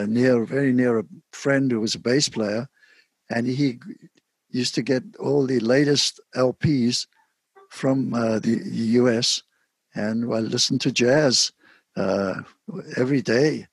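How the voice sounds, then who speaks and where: Soft-spoken older South African man, husky. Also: mid-range voice, fairly even intonation, dry recording. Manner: soft-spoken, halting with frequent pauses. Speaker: guest saxophonist. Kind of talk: casual interview.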